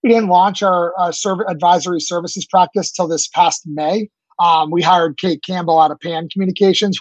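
High-voiced man in his thirties. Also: no echo, poor audio. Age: 30s. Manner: fast, enthusiastic, many fillers and restarts. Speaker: startup founder guest. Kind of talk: business interview answers.

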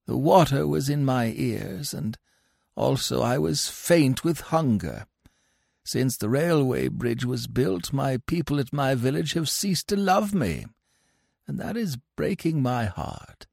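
A man voicing an old, hypocritical male crocodile who speaks gently and preachily, drawing out his words. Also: medium pitch, sing-song, slow, gravelly, no echo, clean studio sound, voice pushed up, exaggerated voice. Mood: sanctimonious.

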